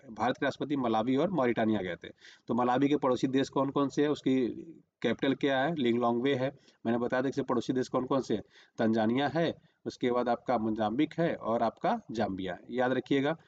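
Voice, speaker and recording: A man's voice: mid-range voice, a little mellow, lo-fi sound. A man teaching a current-affairs lesson for exam prep, repeating "remember" and "okay" while marking a map on screen.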